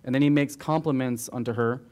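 A man, a pastor, reading scripture and explaining it in a relaxed, conversational way, often asking "right?". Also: mid-range voice, fairly quick. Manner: conversational, with fillers and frequent "right?". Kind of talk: verse-by-verse Bible teaching.

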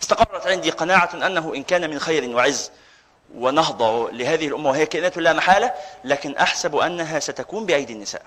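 A man's voice: fairly high pitch, expressive, rapid-fire, fairly bright tone. A man with an Egyptian accent, a sheikh giving a live lecture to a room full of students, joking and teasing his audience between points. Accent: Egyptian Arabic. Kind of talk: live religious lecture with banter. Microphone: handheld or stand mic, with some feedback whistle.

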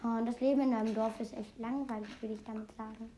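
High-voiced, excitable female gamer. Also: fast, slight background noise. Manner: excitable, chatty, keeps exclaiming. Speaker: game player. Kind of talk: casual gameplay commentary.

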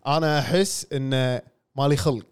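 A man's voice: medium pitch, fairly quick, clean tone. A man co-hosting a casual podcast chat, laid-back and joking, with hesitant fillers. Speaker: podcast co-host.

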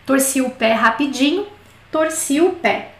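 The French teacher's high, bright voice is a bit gravelly, and her intonation is lively as she chats and explains during an online lesson. She slows down to sing children's songs line by line while the sound reverberates around the room.

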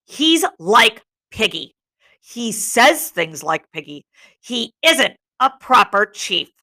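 Lady reader doing an angry rebel schoolboy, bright n pushy, accusing, declaiming like a storybook villain. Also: a little high, animated, a little slow, voice pushed up. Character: defiant, resentful schoolboy rival agitating against his leader. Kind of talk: storybook read-aloud dialogue.

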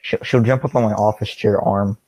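A young man chatting casually on a video call, breaking into a high cooing baby voice for his dog. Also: fairly even intonation, a little fast, a little mellow, low-quality recording.

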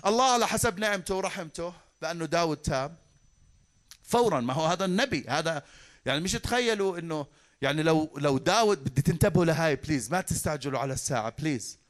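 A man preaching a sermon from a church pulpit in Levantine Arabic, animated and fervent as he talks to his congregation. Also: a little high, quick pace. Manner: animated, fervent, addresses the flock warmly. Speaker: pastor.

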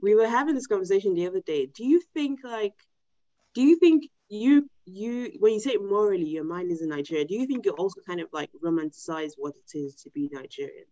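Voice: medium pitch, lively intonation, a little fast, warm tone, no echo. Chatty podcast host, dull dry sound. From Spain. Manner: chatty, thinks aloud, frequent "right?". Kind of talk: casual interview.

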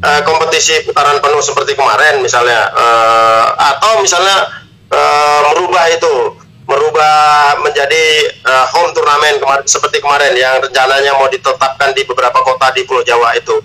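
A man, a football coach, answering questions on a radio interview, speaking in a measured, hesitant way with many filler sounds. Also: medium pitch, fairly even intonation, pushed and bright, poor audio.

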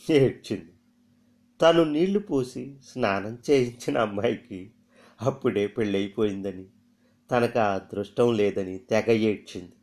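A man with a low-pitched voice reads a story aloud. He is expressive, lifting and dropping his pitch and volume to dramatize the telling. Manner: expressive, shifting pitch and loudness for emphasis.

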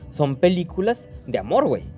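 Man, casual podcast chat, slangy and halting, slightly high voice, faint music under it. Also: huge pitch swings, darkish tone. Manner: slangy, halting with repeated restarts.

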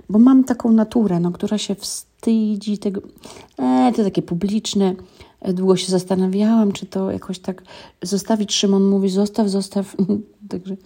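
A woman's voice: medium pitch, creaky, mellow, breathy edge. A middle-aged woman co-hosting a podcast in casual chat, emotional and tearful, rambling with many restarts. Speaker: podcast co-host.

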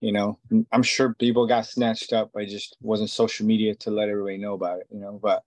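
A man's voice: on the low side, flat delivery, fast, a little mellow, dry recording. A man in his forties from Israel, a tattoo artist, talking casually in an interview and rambling with many fillers and restarts. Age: 40s.

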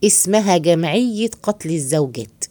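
A woman with an Egyptian accent voicing a scheming, henpecked middle-aged man who plots in hushed tones. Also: expressive, normal speed, dry recording. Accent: Egyptian Arabic. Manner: low hushed plotting tone.

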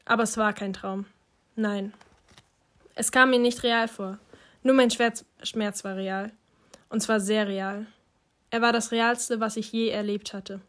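A woman reading a first-person novel aloud in a quiet, subdued way. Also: medium pitch, fairly even intonation, a little slow, pauses often. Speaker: audiobook reader.

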